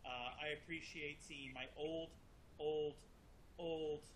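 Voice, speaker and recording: A man moderating an online panel discussion with teasing, deadpan humor, heard over a video call. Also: on the high side, takes it slowly, slight background noise, poor audio.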